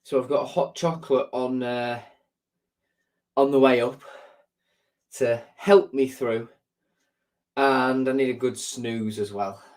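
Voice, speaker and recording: Taking things slowly and pausing often, a man with a mid-range, darkish voice chats with his live stream viewers, reading and answering their comments. A sore throat and blocked nose leave him sounding congested, and he rambles, filling gaps with ums and repetitions.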